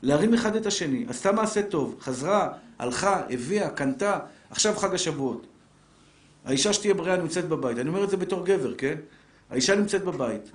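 Middle-aged rabbi in an echoey room. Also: male voice, sits high. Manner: lively, talks straight to listeners with rhetorical questions. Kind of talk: live Torah lesson to an audience. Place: lecture room with a seated audience. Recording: roomy echoing room.

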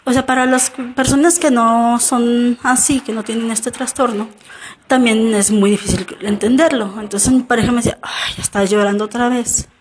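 A woman's voice: on the high side, slight background noise. A middle-aged woman, talking personally to viewers in a rambling way, full of fillers and restarts. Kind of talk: personal confessional talk to viewers.

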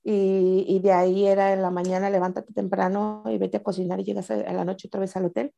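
A middle-aged Mexican woman with a Mexican accent, a guest telling a story in an animated way and acting out quoted dialogue. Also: medium pitch, brisk, vocal fry, dull audio. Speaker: guest, MasterChef contestant. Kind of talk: casual interview storytelling.

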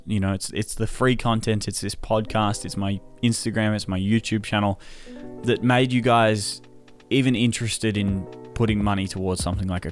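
A man hosting a solo podcast in a casual, low, unhurried and subdued way, sounding tired and sore. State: tired and in pain, recovering. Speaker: podcast host.

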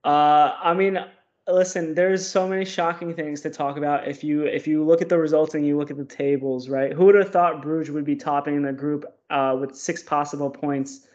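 Dude going on about football tables and stats, bit high pitched, dull lo-fi audio. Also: male voice, moderate pace. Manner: opinionated, animated, piling up stats. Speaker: podcast co-host. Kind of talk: casual football analysis.

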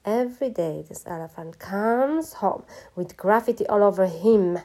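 A woman's voice: medium pitch, expressive, unhurried. A woman voicing an angry male elephant master who roars and scolds. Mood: furious. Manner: loud, roaring scolding.

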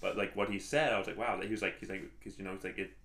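Fast-talking deep-voiced man, rambling. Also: steady tone, creaky, a bit bright, echoey room. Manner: rambling, many restarts and fillers. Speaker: podcast co-host. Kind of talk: casual chat.

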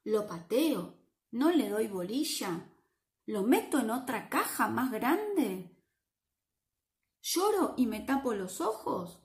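A woman with a Rioplatense Spanish accent reads a picture book aloud to children, playful and lively, often asking them questions. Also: on the high side, takes it slowly, reverberant. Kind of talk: animated read-aloud for children.

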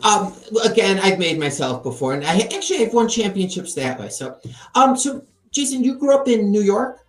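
A male interviewer with a slightly high voice, firing off curious, rambling questions full of ums and likes. His voice carries a noticeable room echo, and faint music sits in the background. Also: sing-song, normal speed. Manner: curious, chatty questioning with fillers. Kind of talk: casual interview chat.

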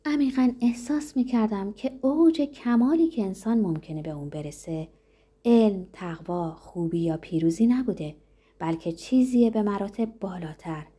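A woman reads a novel aloud as first-person narration. Her delivery is steady and measured, with a mellow, warm tone and a mid-range pitch. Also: husky. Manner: steady, measured literary reading. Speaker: audiobook reader.

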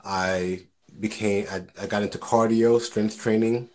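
A man's voice: lowish voice, fairly even intonation, a little slow, darkish tone. A man talking earnestly in a casual conversation, giving encouragement and often repeating words as he starts a thought.

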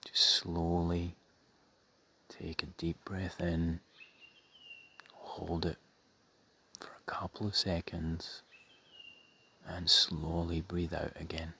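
A deep-voiced man leads a meditation in a soft, breathy half-whisper meant to soothe. His delivery is completely flat, his phrases measured, and his pauses long, with slight background noise behind him.

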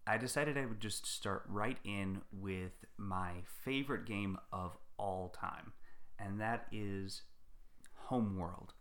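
A young man with a lowish voice co-hosts a casual podcast chat. He talks slowly and drily, and jokes in a deadpan way. His speech is relaxed and unhurried. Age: young adult. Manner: dry, unhurried, joking. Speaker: podcast co-host.

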